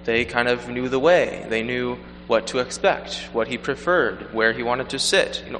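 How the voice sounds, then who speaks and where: Man, preacher, bright voice, cathedral echo, long church reverb, faint hum behind. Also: mid-range voice. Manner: measured, earnest delivery. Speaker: preacher at Mass. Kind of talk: gospel reading and homily. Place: large church.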